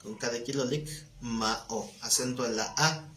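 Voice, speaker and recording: A man's voice: medium pitch, normal speed, a bit bright. A Bible teacher talks his class through a lesson in an easy, conversational way, tossing them questions and the odd joke. His mid-range voice rings in an echoey room over faint background noise. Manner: conversational, quizzes the class, jokes. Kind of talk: live Bible class lecture. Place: classroom with students.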